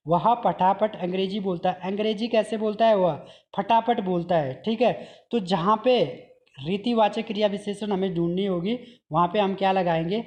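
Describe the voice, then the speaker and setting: A man's voice: high-pitched, darkish tone. A man teaching an exam-prep grammar lesson. He drills each point by asking his own questions, answering them, and repeating the examples. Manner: repeats examples and says "okay" often.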